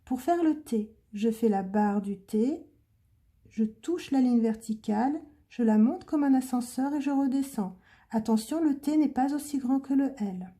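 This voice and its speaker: Slow, patient woman teaching handwriting. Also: on the high side, warm tone. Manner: slow, patient, clearly articulated dictation. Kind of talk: handwriting lesson, step-by-step instruction.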